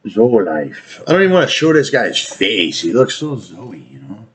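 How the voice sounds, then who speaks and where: A man's voice: fairly low pitch, sing-song, normal speed, breathy edge. A man talking in a rambling casual monologue, trailing off and restarting, swearing casually. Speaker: vlogger.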